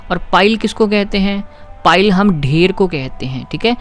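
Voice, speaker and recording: A man teaching English grammar, patiently explaining exercises, asking questions and reading example sentences slowly. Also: sits high, animated, soft background music. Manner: patient, asks questions and keeps checking with "ठीक है?".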